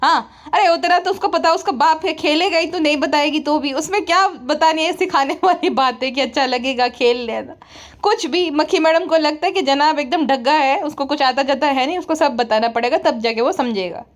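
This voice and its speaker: A woman with a high voice delivering mocking parody commentary. She talks in a chatty, sarcastic way and scolds often. The delivery is playful and teasing. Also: moderate pace. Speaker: comedy commentator.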